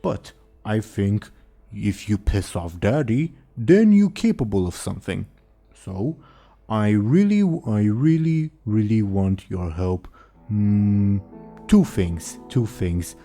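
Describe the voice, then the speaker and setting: A man voicing a big, dim, childlike ogre for a tabletop game, in dopey, halting broken speech. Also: fairly low pitch, lively intonation, dark tone, faint music behind, exaggerated voice. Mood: earnest, pleading. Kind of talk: in-character tabletop role-play.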